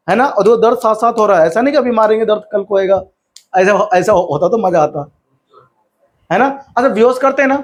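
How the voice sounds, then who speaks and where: A young man teaching science in a casual classroom lecture, chatting, telling funny anecdotes and asking and answering his own questions. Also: high voice. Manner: reads English textbook lines slowly, word by word.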